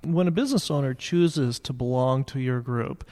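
A man's voice: mid-range voice, normal speed, a little mellow. A male podcast host asking a guest questions, recorded in a large banquet room with a big hall echo. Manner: inquisitive, prompting questions. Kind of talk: interviewing a guest. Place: golf course banquet room with reverb.

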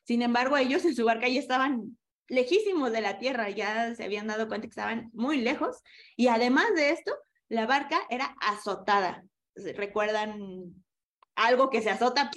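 A woman's voice: fairly high pitch, normal speed. A woman leading an online women's Bible study, teaching with animation and asking her listeners questions over a video call.

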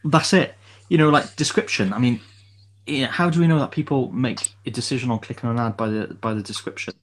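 A man's voice: mid-range voice, quick pace, fairly bright tone. A man co-hosting a podcast in casual chat, hesitant, with many fillers and restarts. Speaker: podcast co-host.

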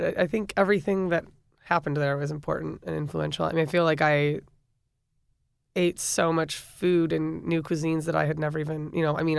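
A woman chef in her thirties from the Midwest chats through an interview, her voice carrying a gravelly fry. She fills her talk with fillers and easy laughs, recorded close and dry. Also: low voice, no echo. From Midwestern United States. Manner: chatty, frequent fillers and laughs. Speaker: chef and restaurant owner, guest. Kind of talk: casual interview conversation.

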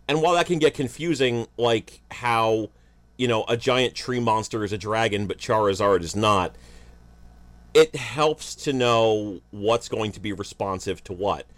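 Male co-host, low voice, dry close sound, blunt offhand talk. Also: dry recording. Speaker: podcast co-host. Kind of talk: casual chat.

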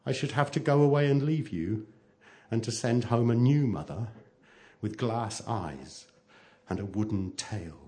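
A man voicing a gentle, anxious mother in a storybook, speaking tenderly, earnestly and sadly. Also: mid-range voice, measured pace, a little hiss or hum, lightly acted.

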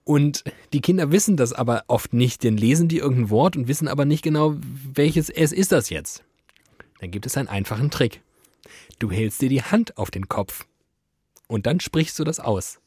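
A man co-hosting a podcast, telling anecdotes in a casual, animated way with lots of fillers. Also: medium pitch, moderate pace, slightly rough, no echo, clean studio sound. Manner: animated storytelling, many fillers. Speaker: podcast co-host. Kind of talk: casual chat.

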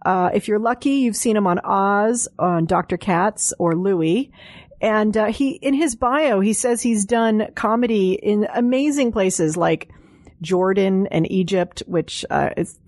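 A woman's voice: medium pitch, unhurried, darkish tone, no echo, studio quality. A woman hosting an interview in a casual, chatty style. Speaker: host, interviewer. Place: studio.

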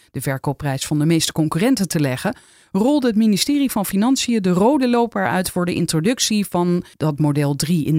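Measured podcast host reading aloud. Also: medium pitch, darkish tone, no echo, studio quality. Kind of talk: reading article excerpts and asking questions.

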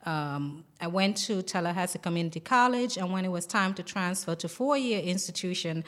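A woman with a Kittitian accent speaks as a podcast co-host in a casual, conversational way. Her voice sits a little lower than most women's. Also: lively intonation, brisk, fairly bright tone. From Saint Kitts and Nevis.

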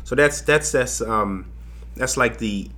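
A man's voice: medium pitch, slow, bright, forceful tone. A young man from Haiti, a design lecturer, talking as a guest in a casual interview, rambling with many fillers and restarts.

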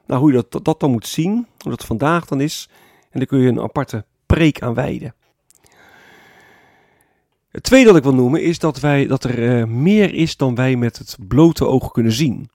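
A man preaching a sermon as pastor, explaining calmly and often adding a tag word to his points. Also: mid-range voice, normal speed, dry recording, studio quality. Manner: calm explanatory preaching with frequent "hè" tags.

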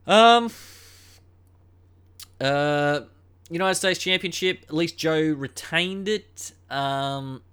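A young man hosting a solo podcast in a casual, rambling way, full of ums and uhs and a flat, unimpressed tone. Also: a little high, drawn-out words, long pauses, smooth. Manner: unenthusiastic, dismissive. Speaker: podcast host.

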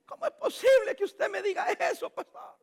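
A man voicing a distraught middle-aged father pleading with his pastor in a whiny, high, strained voice. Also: animated, normal speed, gravelly, heavily acted. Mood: pleading distress. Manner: pleading, whiny, near shouting.

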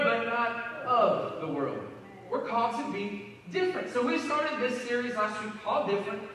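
Folksy pastor in an echoey church. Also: male voice, high voice, pushed and bright. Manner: folksy, joking, talks to the congregation. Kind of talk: sermon. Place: church hall. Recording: echoey hall, mic at a distance.

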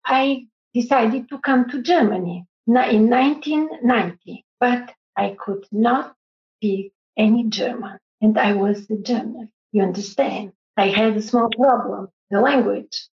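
Bulgarian-born woman CEO, slightly high voice, halting non-native phrasing, echoey lo-fi video call. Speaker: company CEO panelist. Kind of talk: panel discussion. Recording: echoey room, dull lo-fi sound.

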